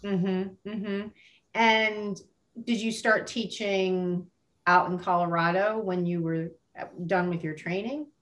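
A woman's voice: mid-range voice, fairly even intonation, slow, fairly bright tone. A woman hosting a podcast interview, talking in an enthusiastic, chatty way with fillers and restarts. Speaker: podcast host. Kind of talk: casual interview chat.

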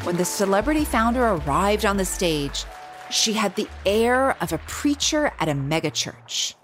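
A woman hosts a podcast and narrates from a script. Her pitch moves a lot and her delivery is wry. Faint music plays underneath. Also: big pitch swings, normal speed, some chatter behind. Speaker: podcast host.

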